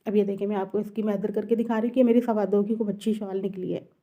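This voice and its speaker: A woman walks through cutting a dress in a quick tutorial. Her voice is mellow and soft-edged, her pace brisk. She repeats each step patiently. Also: mid-range voice, steady tone. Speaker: tailoring teacher.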